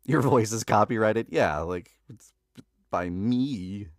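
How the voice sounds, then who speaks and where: Congested from allergies, a man with a fairly low voice speaks slowly as he hosts a livestream, first chatting and then narrating a novel. He's relaxed and chatty, laughs often, and corrects himself when he misreads. The sound is clean studio quality with no echo.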